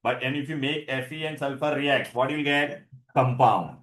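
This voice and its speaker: A man's voice: mid-range voice, moderate pace, fairly bright tone. A male school science teacher with an Indian accent, teaching a class in English mixed with Hindi, repeating points and checking understanding with short tag questions. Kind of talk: classroom lesson with questions to students.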